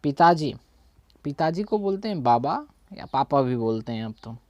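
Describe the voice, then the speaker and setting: A man's voice: mid-range voice, animated, normal speed, darkish tone, no room sound, highs cut off. A man with a Chhattisgarhi Hindi accent teaching a language in a casual spoken lesson, often checking in and correcting his own slips. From India.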